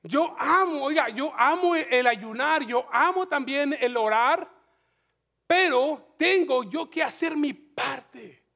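A man's voice: lively intonation, slow pace, vocal fry, pushed and bright. A man preaching a sermon, putting questions to the congregation and rising in fervor as he urges them on. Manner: rising to a fervent pitch when urging the congregation; asks the audience questions and restarts phrases.

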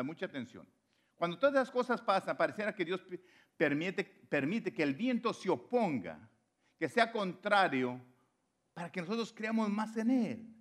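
A man delivers a sermon in a somewhat high voice. He presses his points by repeating phrases. His delivery swings between quiet, low passages and loud, raised ones. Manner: emphatic, repeats phrases for stress. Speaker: preacher.

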